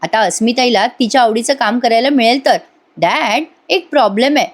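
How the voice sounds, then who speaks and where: Woman reading a teasing young son, playful, voice set high. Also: brisk, close to an everyday voice. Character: young man, joking son.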